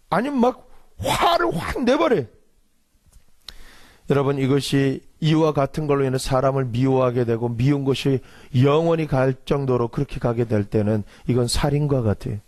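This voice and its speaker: A man who is a pastor, delivering an animated sermon and acting out quarrels in a raised voice. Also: on the high side. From Korea.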